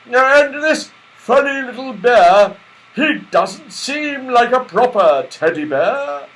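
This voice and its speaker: A man's voice: very high voice, animated, slow pace, fairly bright tone, pitched above the performer's own voice, exaggerated voice, poor audio. A man reading a storybook, voicing a big, jolly Santa Claus in a hearty, exclamatory manner. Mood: puzzled.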